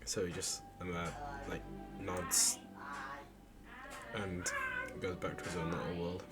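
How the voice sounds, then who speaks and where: A man's voice: low-pitched, flat delivery, slow pace, loud music behind the voice. A man narrating as game master in a casual, hesitant way with many fillers. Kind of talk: narrating a tabletop game over a call.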